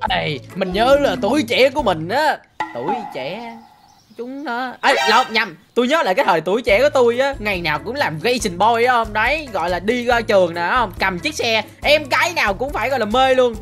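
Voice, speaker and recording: A man's voice: extremely high pitch, expressive, a little fast, music in the background. A man acting an old man who was a racing boy in his youth, rambling and correcting himself as he reminisces in a comedy skit. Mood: nostalgic.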